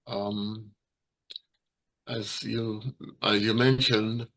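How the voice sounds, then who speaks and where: A man from Barbados speaks as a guest presenter in a low, flat, gravelly voice. He talks haltingly, restarting phrases and filling pauses as he goes. It sounds like a video call. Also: poor audio. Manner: halting, many fillers and restarts. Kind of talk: hesitant informal presentation.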